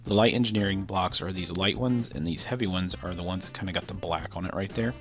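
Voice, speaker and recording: Talking fast in a low but slightly bright voice, a man stuffed up with a cold gives casual, rambling commentary on his game. His nasal delivery is loose and packed with fillers as he walks through it.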